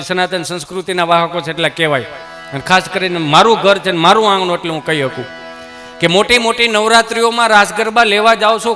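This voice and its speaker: Bright-voiced man telling comic stories on stage. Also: sits high. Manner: chatty storyteller acting out little dialogues. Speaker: stand-up comedian. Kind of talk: live Gujarati folk comedy routine.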